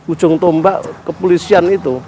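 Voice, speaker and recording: A man's voice: on the high side, fairly even intonation, moderate pace, mellow, a little hiss or hum. A man who is a police officer, giving a formal interview answer in official phrasing with hesitant fillers.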